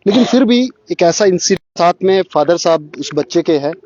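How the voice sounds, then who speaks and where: A male vlogger reporting on the spot and interviewing, halting and leaning on filler phrases. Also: high-pitched, expressive, a little mellow, no echo, muffled recording. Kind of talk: on-the-spot news-style vlog reporting.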